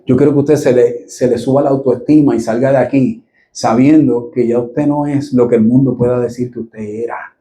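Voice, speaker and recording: A man's voice: medium pitch, moderate pace, hardly any pauses, a little hiss or hum. A middle-aged man, preaching a sermon to a church and speaking straight to his listeners with humor. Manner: lively, jokes with the congregation, addresses listeners directly.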